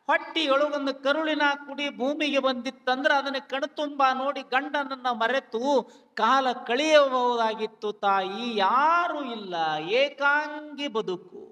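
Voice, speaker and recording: A man voicing a grieving young widow, high and slow. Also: sharp tone, exaggerated voice. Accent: North Karnataka Kannada. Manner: lamenting, pleading sing-song delivery. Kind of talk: folk drama recitation. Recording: long hall reverb.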